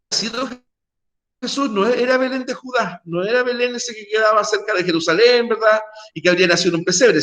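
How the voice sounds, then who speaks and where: A man's voice: high voice, a bit bright. A middle-aged male teacher giving a conversational online class lecture, full of tag questions and restarts. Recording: echoey room.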